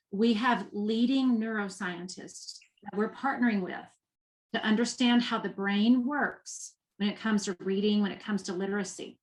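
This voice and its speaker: A woman with a Texan accent speaks in a mid-range, slightly bright voice as an interview guest who runs a nonprofit in education. She talks with passion and conviction, leaning on repetition to hammer her points home.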